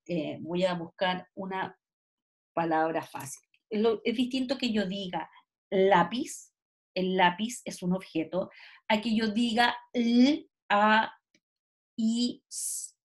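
A woman teacher, giving an online lecture and often checking in with her students. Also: medium pitch. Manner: explanatory, often checks in with "¿cierto?" and "¿ya?". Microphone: computer mic on a video call.

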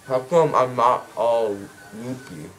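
Fresh out of wisdom teeth surgery, a teenage boy rambles casually, his speech muffled by gauze and a numb mouth. His mid-range voice is lively but slow, and someone else holds a phone close to record him in a small dental clinic room while faint music plays.

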